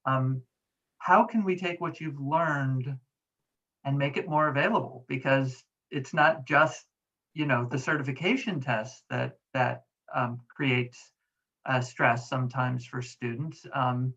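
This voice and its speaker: Audience questioner, gravelly and halting, muffled lo-fi audio. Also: mid-range voice, fairly bright tone. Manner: hesitant, with many fillers. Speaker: audience member asking questions. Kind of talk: question at a talk. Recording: dull lo-fi audio.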